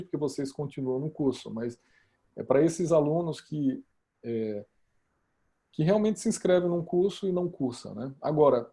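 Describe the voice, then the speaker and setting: Man, course coordinator, very dark husky voice, earnest explainer, video call mic. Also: medium pitch. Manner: earnest, repeats for emphasis. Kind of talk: explaining in an online meeting.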